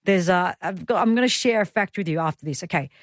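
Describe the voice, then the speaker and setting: An Australian woman in her thirties hosts a talk radio show from a studio, running through the lineup and adding personal asides. Her fairly low voice moves at a quick pace. The studio microphone gives a clean sound with no echo.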